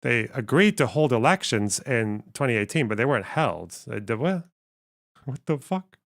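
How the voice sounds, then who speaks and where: A man's voice: mid-range voice, very animated, moderate pace, creaky, fairly bright tone. A young man streaming as he reacts to a debate, talking bluntly and sarcastically, swearing and thinking aloud. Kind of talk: casual reaction commentary.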